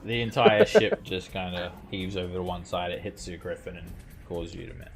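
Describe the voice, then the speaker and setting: Low, gravelly man running a tabletop game. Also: sing-song, moderate pace. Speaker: game master. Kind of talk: narrating a tabletop fantasy game, casual. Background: music.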